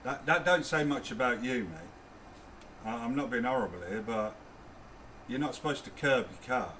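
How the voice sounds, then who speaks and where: Grumpy older man with a bright, forceful voice. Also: mid-range voice, moderate pace, slight background noise. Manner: grumpy old man, sardonic. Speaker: reaction video host. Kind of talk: casual reaction commentary.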